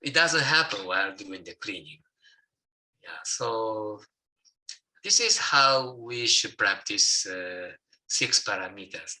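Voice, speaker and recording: Man, slow halting delivery, bright tone, dharma talk webinar. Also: fairly low pitch, animated, poor audio. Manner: halting, with many fillers and restarts. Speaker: co-host of a Buddhist talk.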